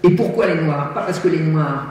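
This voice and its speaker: A woman's voice: sits low, normal speed, a little mellow. A woman giving an emphatic talk as an invited guest speaker, often repeating words as she restarts her sentences. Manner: emphatic, frequent word repetitions and restarts. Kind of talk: lecture-style talk to an audience. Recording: echoey hall, distant mic, faint hiss.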